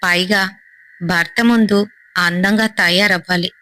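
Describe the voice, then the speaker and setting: A woman narrating a horror story in a steady, suspenseful storytelling manner, in short phrases. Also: on the low side, measured pace, no room sound, low-quality recording.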